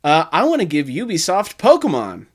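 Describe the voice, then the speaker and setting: A young man co-hosting a gaming podcast in casual chat, rambling and animated, swearing freely and getting loud when worked up. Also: a little high, moderate pace, slightly rough. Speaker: podcast co-host.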